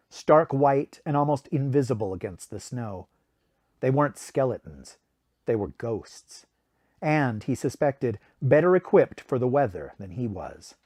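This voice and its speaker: A podcast host reads a novel excerpt like an amateur audiobook narrator, recorded up close at home. His voice is mid-range with no echo.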